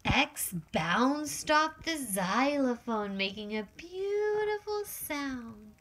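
A woman reads aloud the picture book she wrote, very slowly and deliberately, her high, bright voice very animated and sing-song with plenty of exclamations for young children. Faint noise sits in the background.

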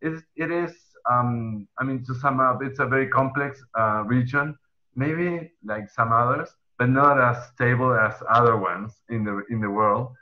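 Speaking from a room at home through headset earphones on a video call, this young man from Argentina moderates a webinar panel in an Argentine Spanish accent. His mid-range voice moves a little slowly, and he keeps hesitating, with many ums and restarts. The sound quality is lo-fi.

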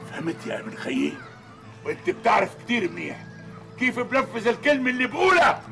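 A man's voice: very high-pitched, sing-song, fast, gravelly, faint music behind, heavily acted. An actor playing an angry middle-aged father who threatens his nephew, speaking. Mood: menacing. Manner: menacing, shouting, then coldly quiet. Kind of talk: TV drama acting.

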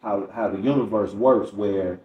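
With an unhurried, lowish voice and the highs cut off, a middle-aged American comic from Chicago spins conversational stories as a podcast guest, reenacting dialogue. The room is audible through a distant mic, along with faint noise.

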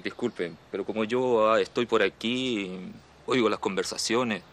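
A nosy, sly house servant. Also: male voice, fairly low pitch, measured pace, a bit bright, a little hiss or hum. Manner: insinuating, chuckling. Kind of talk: telenovela acting.

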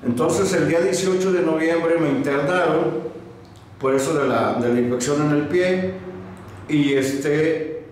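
A man's voice: a little high, measured pace, darkish tone. A man in his sixties, a patient telling his story in an interview, hesitant with many fillers and restarts, recorded in a small medical office. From Mexico. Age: 60s. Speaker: patient giving a testimonial. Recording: echoey small room, faint noise.

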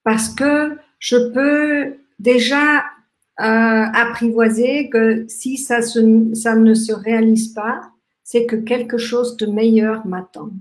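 A native German speaker from Austria, a woman in her fifties with a somewhat high voice, hosts a slow, gentle webcam workshop about gratitude, delivered live online. Her delivery is reflective and halting, packed with restarts and fillers, and her hands move expressively as she talks. The recording comes from a small indoor room with noticeable echo.

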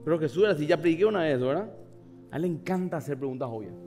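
A man preaching a passionate sermon, shifting between loud cries and hushed asides and acting out the people in his story. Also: fairly high pitch, expressive, racing, faint music behind. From Paraguay. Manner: acts out voices of the people in the story. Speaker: pastor.

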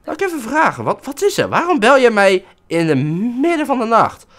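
A man's voice: extremely high pitch, huge pitch swings, fairly quick, a bit bright. A young man giving playful, casual let's-play commentary, often voicing his character with mock emotional outbursts. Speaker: gaming YouTuber.

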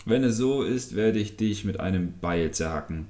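A grumpy fisherman loses his temper and threatens his own fishing hook in a storybook tale, as a man puts him on. The voice is very deep and low, and it sounds scolding and threatening. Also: expressive, normal speed, mellow, natural voice. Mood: angry. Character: grumpy, hot-tempered adult male fisherman.

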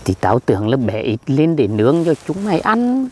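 A blustering old country man who boasts and then defends himself , as a performer puts him on. He talks slowly, and his pitch swings widely up and down. Faint insect chirps and animal sounds come from the fields behind him. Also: very animated, warm tone, slight background noise, lightly acted. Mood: boasting. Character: boastful, dim-witted old village man.

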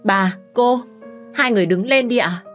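A woman's voice: moderate pace, a bit bright, soft background music, close to an everyday voice. A woman voicing a young housemaid who calls out in urgent panic. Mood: pleading. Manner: shrill, urgent calling.

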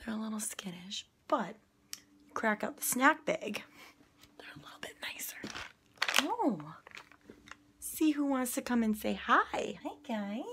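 A young woman in casual vlog chat at home, talking into a phone held at arm's length, chatty and rushed, often dropping into a whisper. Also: fairly high pitch, lively intonation, noisy background. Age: young adult. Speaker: vlogger. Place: home bedroom, indoors.

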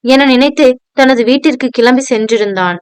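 Clear-voiced woman reading a novel aloud. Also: high voice, moderate pace, dry recording. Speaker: narrator. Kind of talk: scripted narration of an audio novel.

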